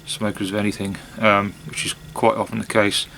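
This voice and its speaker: A man chatting casually on his own in a hesitant, musing way, with long pauses and trailing phrases. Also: fairly low pitch, little pitch movement, gravelly, pushed and bright, slight background noise, low-quality recording. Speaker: pipe-smoking vlogger. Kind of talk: casual monologue to camera.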